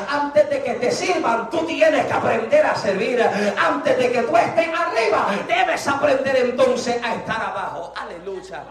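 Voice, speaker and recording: Animated high-voiced male preacher, echoey room. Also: recorded from a distance. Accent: Puerto Rican. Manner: animated, acts out voices in the story. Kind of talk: sermon.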